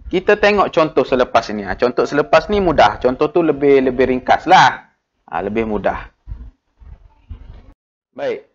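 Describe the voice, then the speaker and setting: A male primary school teacher with a Malaysian Malay accent, patiently coaxing pupils through a recorded grammar lesson and filling pauses with "ha". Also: medium pitch, expressive. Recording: dull lo-fi audio.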